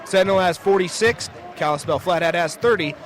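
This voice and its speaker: A young adult man gives live radio play-by-play of a basketball game from inside a school gym, speaking a little fast in a high-pitched voice. The courtside audio is noisy, with gym ambience and bouncing basketballs clearly audible behind him.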